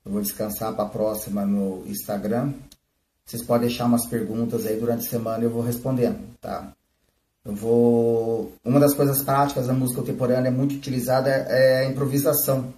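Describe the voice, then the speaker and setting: Man, flute teacher on a live stream, mellow voice, echoey room, mic a bit far. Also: mid-range voice, flat delivery, a little fast. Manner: explains, often checking with "né?" and "tá?". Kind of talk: live-streamed music lesson. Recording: roomy, from a distance.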